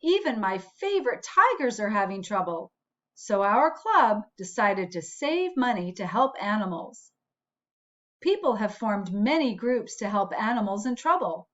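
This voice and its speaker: With a mid-range voice, a woman principal reads a picture book to children in a deliberate, expressive, teacherly manner, turning to her listeners for asides. The audio is dull and lo-fi.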